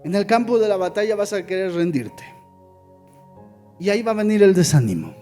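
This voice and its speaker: Pastor, fervent emphatic preaching, very high voice, faint music behind. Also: male voice, lively intonation, fairly quick. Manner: emphatic, shouting, call-and-response preaching. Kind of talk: fervent sermon.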